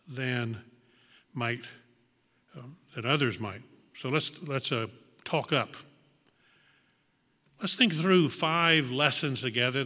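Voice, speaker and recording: Bright-voiced man preaching in a reverberant hall. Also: medium pitch. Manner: earnest, reflective, with small restarts and emphatic repetition. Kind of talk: sermon.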